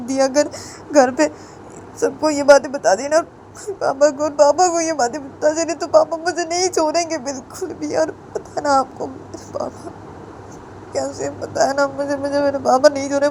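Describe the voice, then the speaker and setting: A woman's voice: sits high, fairly even intonation, normal speed, a little mellow, a little hiss or hum, voice pushed up, lightly acted. Woman voicing a tearful young male student. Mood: anxious pleading. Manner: pleading, breaks into sobs. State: crying.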